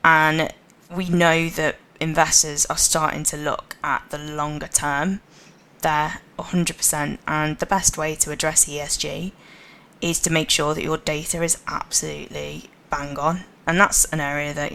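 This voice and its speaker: A woman with a Liverpool accent speaks in a low register with a gravelly rasp. She talks with confidence and emphasis as a guest in a casual podcast interview. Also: level tone, sharp tone, a little hiss or hum. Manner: confident, emphatic, quick to laugh. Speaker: podcast guest, sustainability lead.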